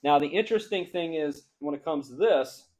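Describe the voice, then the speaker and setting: Casual, higher-voiced man teaching scripture. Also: expressive, moderate pace, a little mellow, low-quality recording. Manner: casual, explanatory, reads scripture aloud with rising emphasis. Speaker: Bible teacher. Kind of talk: conversational Bible lesson.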